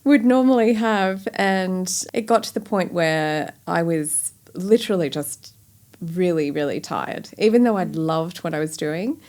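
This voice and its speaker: Speaking in a fairly low, slightly mellow voice, this Australian company founder in middle age talks openly and chattily through a reflective interview. She leans heavily on fillers such as "like" and "you know."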